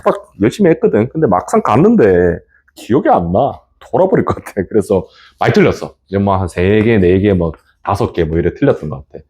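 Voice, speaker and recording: Lively male teacher. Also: on the low side. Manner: animated storytelling, frequent laughs and check-ins. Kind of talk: classroom lecture with personal stories.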